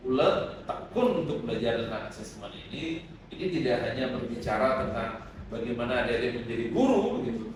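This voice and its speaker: Man lecturing in an echoey room. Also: mid-range voice. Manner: calm and instructive, with many "eh" fillers. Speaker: guest lecturer on assessment. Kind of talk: podcast interview, advising students. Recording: echoey room, far from the mic, noisy.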